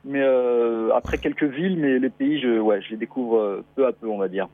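A man's voice: mid-range voice, no echo. Guest traveler, male, reflective and hesitant, dry close phone-line sound. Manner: halting, thoughtful, many restarts. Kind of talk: radio interview.

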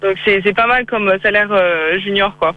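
A young French freelance graphic designer answers questions in a casual interview over a call, her accent carrying a slight English-tinged lilt. Her mid-range voice moves at a moderate pace, hesitant with many fillers and restarts. The phone line sounds tinny, with faint music behind her.

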